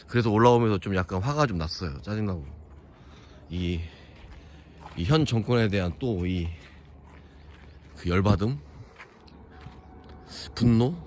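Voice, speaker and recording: A man's voice: on the low side, animated, normal speed, pauses often, a little mellow, a little hiss or hum. A young man from Chungcheong, South Korea, giving rambling, opinionated walking commentary at a hilltop fortress. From Chungcheong region, South Korea. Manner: rambling, opinionated, many fillers. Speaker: vlogger touring a historic fortress.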